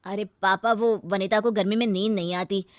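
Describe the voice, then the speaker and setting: A woman's voice: mid-range voice, steady tone, normal speed, background noise, lightly acted. A woman voicing a young husband who defends his wife in a cartoon story. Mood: defensive.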